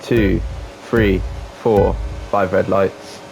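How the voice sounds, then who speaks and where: A man's voice: deep voice, little pitch movement, extremely slow, creaky, darkish tone, slight background noise. A man commentating over his own racing gameplay, chatty and rambling with fillers. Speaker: gaming channel host.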